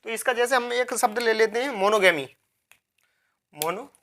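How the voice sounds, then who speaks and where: A woman's voice: a little high, brisk, fairly bright tone. A woman teaching a vocabulary lecture, repeating key words, asking herself questions and spelling words out letter by letter.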